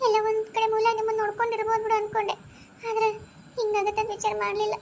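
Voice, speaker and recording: A woman's voice: very high voice, monotone, racing, a little mellow, a little hiss or hum. A woman with a North Karnataka accent voicing a tearful, self-sacrificing young wife in a cartoon, pleading and sorrowful. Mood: hurt. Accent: North Karnataka Kannada. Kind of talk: cartoon voice acting.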